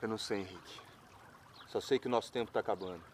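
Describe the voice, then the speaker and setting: Male actor as anxious loyal friend, Brazilian accent, rather deep voice, telenovela, light splashing water. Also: quick pace, a little hiss or hum, natural voice. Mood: worried. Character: worried, supportive male friend afraid of losing his love. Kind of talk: telenovela acting. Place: outdoors beside a fountain. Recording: splashing fountain water behind voice.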